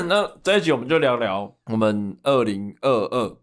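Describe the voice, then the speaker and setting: A man's voice: medium pitch, big pitch swings, moderate pace, fairly bright tone. A man with a Taiwanese accent hosting a podcast in a casual, conversational style. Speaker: podcast host. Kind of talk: casual chat.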